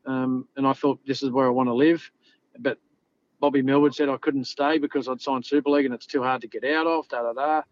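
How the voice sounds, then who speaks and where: A middle-aged Australian, once a rugby league player, tells stories in a casual interview, rambling along in a relaxed way and saying "you know" a lot. His mid-range voice stays fairly flat and moves quickly, and the lo-fi audio is dry and slightly dull.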